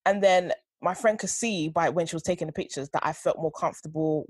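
A woman's voice: low-pitched, brisk, darkish tone, husky, no echo. A young woman chatting casually as a podcast co-host, slangy and emphatic, often checking that she is understood. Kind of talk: casual conversational podcast chat.

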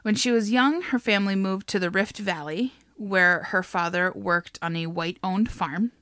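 A woman's voice: medium pitch, moderate pace, a bit bright, dry recording, clean studio sound. A young woman co-hosting a podcast, casually retelling a life story with frequent laughs and swearing. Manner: laughs often, swears, chatty. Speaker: podcast co-host. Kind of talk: casual chat, telling a biography.

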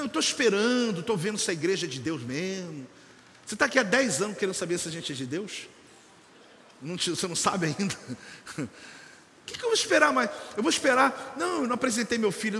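Animated preacher man in a hall. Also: high-pitched. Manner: animated, joking, acts out church members and a doctor. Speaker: apostle and church leader. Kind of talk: lively sermon. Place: church service.

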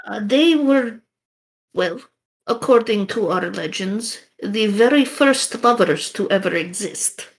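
A woman voicing an old male fox-folk shaman in a put-on Russian accent, telling legends slowly and gravely between hesitant fillers. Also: medium pitch, lively intonation, poor audio.

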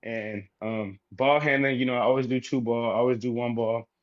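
A man, a professional basketball player, talking casually as an interview guest, relaxed and rambling with many fillers. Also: mid-range voice, brisk, dull audio. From United States.

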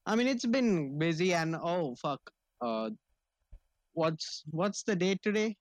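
Male co-host, fairly high voice, very dry close sound, rambling slangy chat that doubles back on words. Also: lively intonation, slow, no room sound. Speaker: podcast co-host. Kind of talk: casual chat.

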